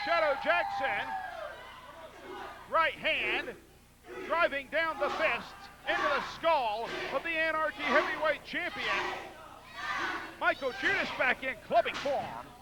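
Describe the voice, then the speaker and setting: A man calling wrestling play-by-play in excited, dramatic, emphatic bursts of clipped calls. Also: very high voice. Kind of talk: excited sports commentary. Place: wrestling arena at ringside. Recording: loud crowd and music, noisy arena broadcast.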